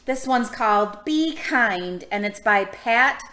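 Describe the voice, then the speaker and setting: Leading a storytime for young children, a woman reads aloud and asks her listeners encouraging questions. Her voice is fairly high, bright and forceful, with lively intonation and a slow pace, in a roomy, echoing space.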